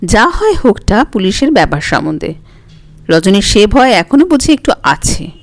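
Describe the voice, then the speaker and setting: A woman with a Bengali accent narrating a short story in a calm, even reading voice. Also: medium pitch, moderate pace, no room sound.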